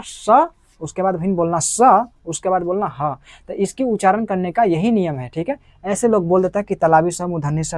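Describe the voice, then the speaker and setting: A man's voice: high voice, no room sound. A male teacher giving a grammar lesson, asking questions and answering them himself over and over. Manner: repetitive call-and-response questioning.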